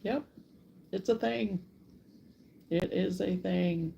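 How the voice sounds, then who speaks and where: A middle-aged woman hosting a casual crochet live stream from her country home chats away, stretching out her greetings to viewers. Her lowish voice is gravelly and mellow, and the muffled recording carries a little hiss or hum.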